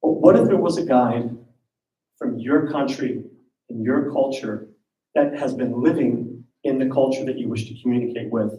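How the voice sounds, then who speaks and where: A man who works as an intercultural communication strategist, pitching his platform in an earnest, measured way. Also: dark tone, highs cut off. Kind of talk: startup pitch talk. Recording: echoey hall from far off.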